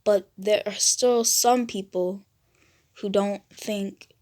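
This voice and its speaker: A woman's voice: mid-range voice, steady tone, takes it slowly, darkish tone. A woman casually narrating a fan story, hesitant, with fillers and restarts.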